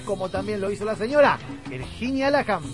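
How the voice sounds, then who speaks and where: High-voiced Argentine male radio host. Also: sing-song, brisk. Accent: Rioplatense Argentine. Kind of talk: casual radio talk and commentary. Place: radio studio. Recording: music behind the voice.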